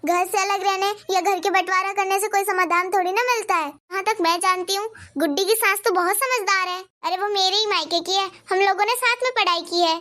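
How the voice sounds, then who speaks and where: Cartoon mother-in-law, older and wise, firm and steady, voiced by a woman, with a very high voice. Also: brisk. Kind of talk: cartoon dubbing.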